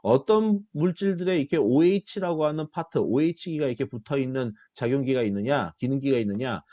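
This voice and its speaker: A middle-aged male professor talks through a recorded biology lecture with a lively voice that rises and dips from phrase to phrase. He poses questions to his students and answers them himself. The sound is dry and slightly dull, close to the mic with no room echo. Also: mid-range voice, brisk. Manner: animated, self-deprecating asides, asks students questions and answers himself.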